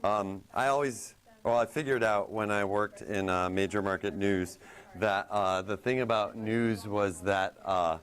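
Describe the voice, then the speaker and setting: An adult male teacher answering casually in an interview, halting as he goes. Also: lowish voice, steady tone, a bit bright. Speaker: broadcast teacher.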